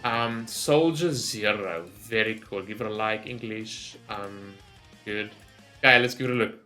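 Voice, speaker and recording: Rambling casually through a gaming reaction video, the host thinks out loud and keeps adding "right?" to his sentences as a self-check. He speaks unhurriedly in a fairly low, bright, forceful voice, with faint music behind.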